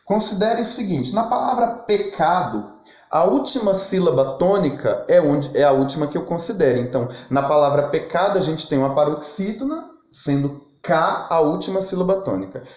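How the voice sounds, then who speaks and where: A man teaching a literature lesson, reading verse lines aloud and counting syllables in a slow, methodical way. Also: a little high, lively intonation. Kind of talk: recorded lesson explaining poetic meter. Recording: echoey room.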